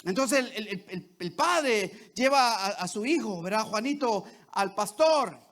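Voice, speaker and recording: High-pitched guy preaching a sermon, keeps asking the church "right?". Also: animated, unhurried, fairly bright tone. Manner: repeats "¿verdad?" and "¿sí?" to the congregation, with many restarts.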